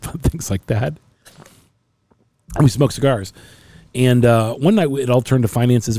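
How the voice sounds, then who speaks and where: A middle-aged man speaks in a relaxed, mellow voice, telling personal stories with earnest emotion and frequent restarts. The sound is close and dry, in casual podcast conversation. His pitch sits in an ordinary middle range. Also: creaky, no room sound.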